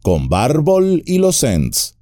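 A man's voice: a little high, wildly swooping pitch, no echo, studio quality, voice pushed up, heavily acted. A man doing Gandalf, an old wise wizard. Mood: wry calm. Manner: measured, gently humorous. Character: old wise wizard, wry and patient, male.

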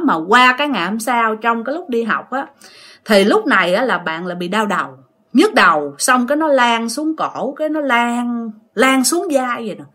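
A woman's voice: fairly high pitch, sharp tone. A woman with a Southern Vietnamese accent, telling a ghost story in a chatty way and speaking straight to her listeners. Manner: chatty, addresses listeners directly.

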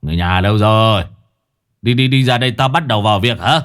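A man doing a gruff old exorcist. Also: deep voice, big pitch swings, a little fast. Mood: bossy. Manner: scolding, bossy, blunt. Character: gruff hard-drinking old male exorcist.

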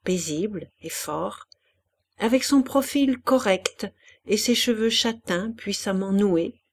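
A woman reading a novel aloud as an audiobook narrator, in a measured, hushed manner. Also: on the high side. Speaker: audiobook reader.

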